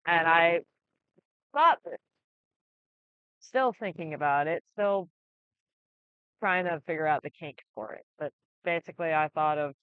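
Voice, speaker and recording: An anime channel creator giving a casual channel update, talking in a halting, rambling way with many restarts. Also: medium pitch, clear, resonant tone, dry recording. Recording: dry, slightly dull lo-fi recording.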